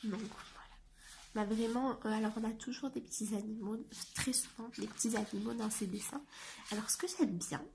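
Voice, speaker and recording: A woman reviewing a coloring book in a soft, often half-whispered voice, hesitant and chatty. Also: on the high side, fairly quick, gravelly, background noise. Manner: hesitant, with frequent fillers.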